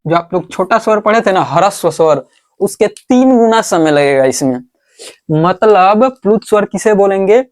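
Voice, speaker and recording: A man with a high, expressive voice teaches a lesson at the board, posing questions to the class and answering them himself, and slowly repeating words as he writes them out.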